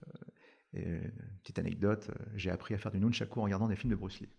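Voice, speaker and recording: A man's voice: lowish voice, steady tone, fast, creaky, dark tone, husky, lo-fi sound. A man born in Iran and raised in France, a startup founder answering interview questions in a hesitant way, with many fillers and restarts. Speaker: startup founder, podcast guest.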